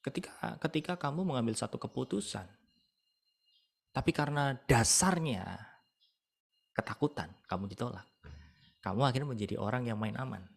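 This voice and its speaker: Gravelly man teaching emphatically. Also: mid-range voice, moderate pace, pauses often. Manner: lively, emphatic, asks rhetorical questions. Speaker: teacher leading an online discipleship class. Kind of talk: casual teaching and counseling.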